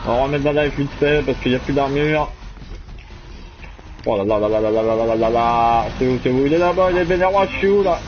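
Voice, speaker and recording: A man's voice: medium pitch, a little fast. A man giving live commentary on a horror shooter he plays alone, swearing constantly and repeating words in panicked bursts. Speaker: gamer playing solo. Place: at home at a game console. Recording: dull lo-fi sound with loud game noise.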